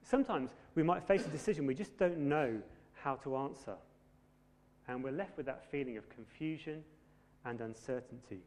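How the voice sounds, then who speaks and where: Male preacher, relaxed conversational sermon, mid pitch, church hall echo. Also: normal speed, slight background noise. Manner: conversational, self-deprecating humour. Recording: long hall reverb.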